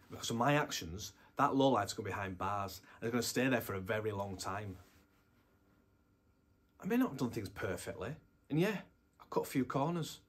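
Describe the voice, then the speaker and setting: An actor in his thirties playing a defiant, hot-tempered police detective in a dramatic monologue, husky and emphatic. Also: on the low side. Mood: indignant, restrained. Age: 30s. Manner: indignant, emphatic. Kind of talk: dramatic audition monologue to camera. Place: plain indoor room or small studio.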